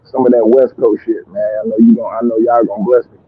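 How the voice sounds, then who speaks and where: A man's voice: fairly low pitch, little pitch movement, fast, breathy edge. A man calling into a casual podcast from home over Bluetooth earbuds, his voice warbling and cutting out as the internet drops. He talks loose and slangy and swears freely. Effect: warbly, dropping internet call audio. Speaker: remote call-in panelist. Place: remote home setup in Texas. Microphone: Bluetooth earbuds on a call. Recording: tinny phone-like call line.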